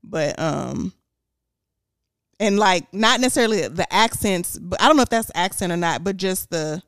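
A woman with a Houston accent co-hosts a casual podcast. She talks frankly and animatedly, her pitch swinging widely and often breaking into laughter. The sound is close and dry. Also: lively intonation, moderate pace, fairly bright tone, no echo. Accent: Houston Texas. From Houston, Texas. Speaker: podcast co-host. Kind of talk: casual chat.

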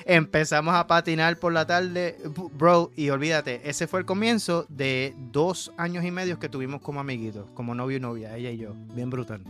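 A man in his fifties with a Puerto Rican accent, co-hosting a podcast and telling stories in a loose, animated way, laughing often and slipping English words into his Spanish. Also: fairly high pitch, normal speed, few pauses, soft background music. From Puerto Rico. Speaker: podcast co-host. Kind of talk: casual storytelling chat.

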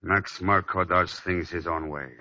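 An actor playing a ruthless gangster loan shark, with tough, sneering talk in a 1930s radio drama style. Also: male voice, sits low, fairly even intonation, measured pace, sharp tone, faint music behind, exaggerated voice. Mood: menacing. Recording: dull lo-fi old radio recording with faint noise.

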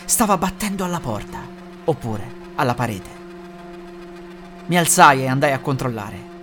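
A man tells a first-person horror tale in a scripted narration, his voice sitting a little high for a man. He slows down and sinks into a low hush on the darker lines. Faint music runs beneath the reading. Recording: music bed under the voice.

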